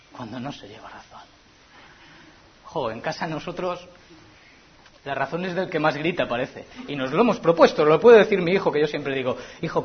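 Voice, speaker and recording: A male pastor with a Spanish accent from Spain preaches a sermon, asking rhetorical questions and swinging between soft and loud. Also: fairly high pitch, slight background noise. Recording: dull lo-fi recording.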